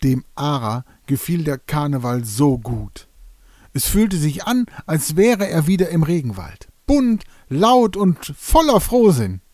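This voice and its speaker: A man narrating a children's storybook tale in an animated, playful way. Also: fairly high pitch, slow, dry recording, clean studio sound.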